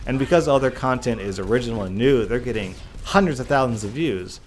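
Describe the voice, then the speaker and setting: A man's voice: mid-range voice, lively intonation, fairly quick, a little hiss or hum. A man talking casually and earnestly in a Q&A gaming vlog, stressing his points with repeated, emphatic phrases. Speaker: YouTube gaming content creator. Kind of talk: casual Q&A vlog talk, reading questions and answering.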